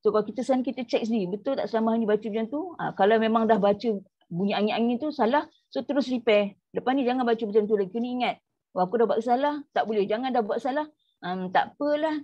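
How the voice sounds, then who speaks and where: A woman's voice: on the high side, quick pace, warm tone, lo-fi sound. A woman with a Malaysian Malay accent teaching a tajwid class, explaining firmly and repeating sample sounds. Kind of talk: online Quran recitation class.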